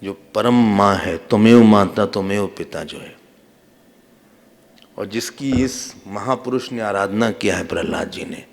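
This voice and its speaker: Lively, joking swami storyteller man. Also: lowish voice, slow, creaky, long pauses. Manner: animated, humorous, acts out quotes. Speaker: swami, spiritual teacher. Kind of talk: devotional sermon with storytelling.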